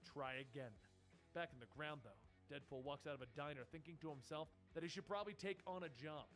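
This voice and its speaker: A man narrating a story recap in a quick, animated way. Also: fairly high pitch, soft background music.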